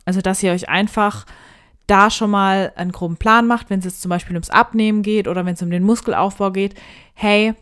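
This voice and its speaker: A woman's voice: mid-range voice, fairly even intonation, brisk, fairly bright tone, smooth. A woman who does bodybuilding, talking reflectively and straight to her viewers in a casual advice monologue. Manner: reflective, addresses listeners directly.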